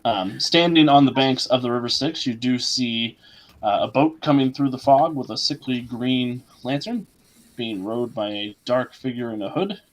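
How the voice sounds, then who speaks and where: A man narrating a tabletop game as game master, descriptive and unhurried, with frequent fillers. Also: mid-range voice, rough recording.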